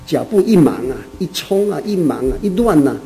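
Gravelly-voiced elder telling a sermon story. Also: male voice, high voice, expressive, mellow, poor audio. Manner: folksy, drawn-out storytelling with many particles. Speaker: church elder preaching.

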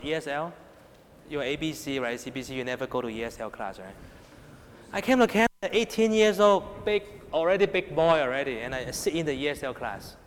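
With a fairly high voice, lively intonation, and a slightly fast pace, a man with a Hong Kong Cantonese accent preaches to young people. His emphatic style features frequent rises and drops in voice, rhetorical questions, and repeated check-ins with listeners. The recording has long hall reverb.

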